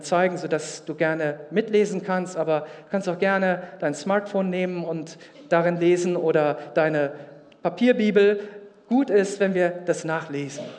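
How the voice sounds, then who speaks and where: A man's voice: sits high, a little mellow, long reverb tail. A man preaching a sermon, earnestly addressing the congregation directly and reading scripture aloud in a church. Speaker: pastor.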